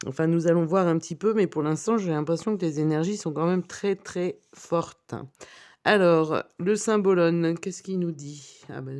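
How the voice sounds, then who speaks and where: A woman's voice: low voice, darkish tone. A woman giving a weekly tarot reading, reading out card meanings with wry asides. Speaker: tarot reader.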